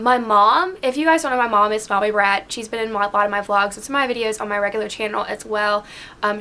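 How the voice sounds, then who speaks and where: Young Southern US woman, casual vlogger, bright and slightly high voice, chatty with quick laughs. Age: young adult. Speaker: beauty vlogger. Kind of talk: casual chat to camera. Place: at home, alone.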